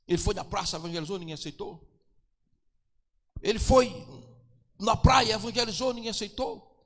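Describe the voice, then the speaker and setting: Man, pastor, sermon, impassioned preaching, gravelly, long hall echo. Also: high-pitched, normal speed. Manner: impassioned preaching, rising to shouts. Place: church.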